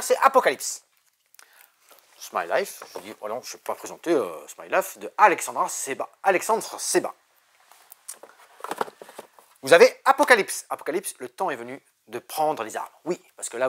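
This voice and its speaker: A man's voice: a little high, fairly bright tone. A man presenting board games in a shop, chatty and jokey, with many fillers. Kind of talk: casual game presentation.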